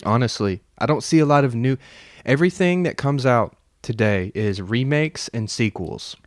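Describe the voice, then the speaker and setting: A young man in his twenties hosts a loose, casual podcast conversation. He talks in a laid-back, slangy way, full of "dude" and "man", with an average pitch. His voice sounds dry and close, with no room around it. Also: lively intonation, moderate pace, no echo. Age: 20s. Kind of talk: casual chat.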